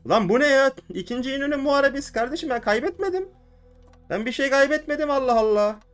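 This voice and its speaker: A young man hosting a gaming channel, commenting excitedly on a strategy game, exclaiming and swearing at what happens on screen. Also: very high-pitched, fast, faint music behind. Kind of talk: excited let's-play commentary.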